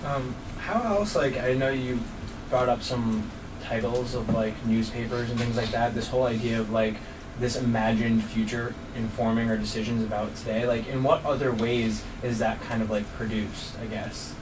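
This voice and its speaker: Young male student, mid pitch, hesitant question, distant and noisy. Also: fairly even intonation, normal speed. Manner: hesitant, many "like" fillers. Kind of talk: classroom question. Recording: distant mic with noise.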